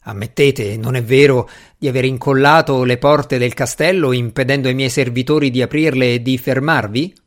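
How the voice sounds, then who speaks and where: A man's voice: medium pitch, steady tone, moderate pace, few pauses, close to an everyday voice. A man voicing a haughty, contemptuous male asylum doctor in an audiobook, speaking in a pompous way.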